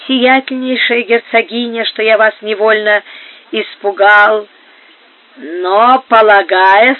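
A reader voicing a soft-spoken, fawning court priest. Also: medium pitch, dry recording. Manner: soft-spoken, obsequiously polite. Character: male court priest, quiet and deferential. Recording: phone-like narrow band.

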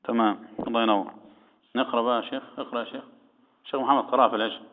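This man's voice is mid-range and steady but rapid-fire, with a little hiss or hum. With an Egyptian Arabic accent, he teaches tajweed, quizzing the class and answering for them, over an echoey, tinny, phone-like recording.

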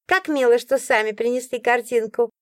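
A woman's voice: on the high side, normal speed, dry recording, studio quality, close to an everyday voice. A woman voicing a fussy old landlady, fawning and sugary with guests and grumbling otherwise, in an audiobook. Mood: sugary fussing. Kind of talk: audiobook character voice.

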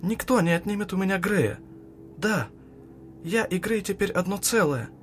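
A man voicing a defiant, unhinged young woman who mocks and shouts with hatred. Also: lively intonation, normal speed, a little hiss or hum, close to an everyday voice. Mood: fierce. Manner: mocking, shrill, shouting at times.

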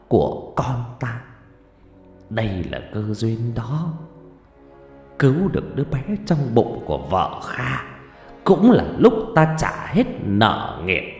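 A man voicing a gentle, dying old male sorcerer master who talks slowly and weakly, in a storybook narration. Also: mid-range voice. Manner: slow, weak and drawn-out speech. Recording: roomy reverb with faint music.

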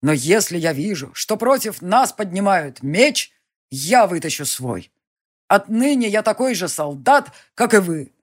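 Woman reader doing a male demagogue, slow, husky, pitch leaping on every slogan. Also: very animated. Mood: solemn. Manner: slow, solemn, declamatory oratory. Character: fiery male leader rousing a crowd.

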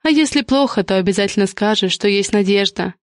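A woman doing a soft, persuasive charmer. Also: mid-range voice, a little fast, dry recording, studio quality, natural voice. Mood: gentle. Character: poised, gentle young woman, charming guest.

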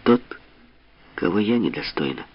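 A man voicing a proud, passionate young woman who speaks softly, quietly and firmly, on a dull lo-fi audiobook recording. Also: deep voice, big pitch swings, normal speed. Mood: calm defiant.

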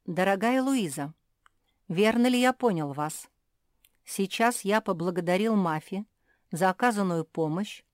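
A woman's voice: medium pitch, lively intonation, unhurried, dry recording, clean studio sound, natural voice. A woman voicing a learned, courtly male pug dog who speaks formally and gallantly. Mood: thoughtful.

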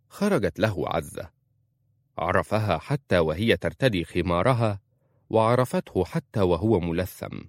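A man giving measured, dramatic audiobook narration of a novel, recorded close on a dry studio mic. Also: fairly low pitch, no room sound.

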